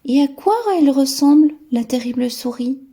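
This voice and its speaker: A woman's voice: high voice, steady tone, normal speed, mellow. A woman voicing a curious, plucky young monster boy in a childlike voice, reading a storybook to a toddler.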